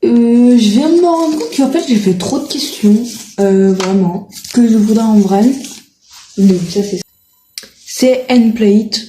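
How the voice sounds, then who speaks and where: A woman talking slowly and casually to her viewers, stopping often to hunt for words and correct herself. Her voice is mellow and soft, and a roomy echo sits around it. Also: on the high side, a little hiss or hum. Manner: hesitant, full of filler sounds and self-corrections. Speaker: video creator. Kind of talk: casual chat presenting riding-school horses.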